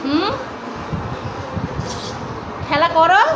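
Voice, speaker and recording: A woman's voice: very high-pitched, very slow, muffled recording, over music. A young woman, a mother, chatting playfully with her small children in a casual family vlog, teasing and coaxing them. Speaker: mother and vlogger.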